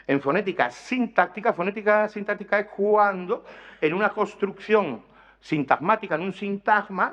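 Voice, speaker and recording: A man giving an academic lecture to an audience, explaining carefully, correcting himself and asking rhetorical questions. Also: fairly high pitch. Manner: explanatory, with restarts and apologetic self-corrections. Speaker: conference lecturer. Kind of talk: academic lecture on dialect words. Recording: dull, lo-fi lecture recording.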